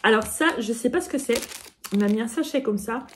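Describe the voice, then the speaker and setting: A woman vlogging an unboxing in a casual chat, bubbly and excitable, often breaking into giggles. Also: a little high, fairly quick, a little hiss or hum.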